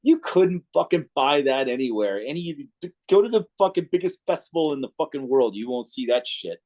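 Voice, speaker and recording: At a normal pace and in a mid-range voice, a man with a New Jersey accent spins casual stories as an interview guest, cursing freely and animatedly performing other people's lines.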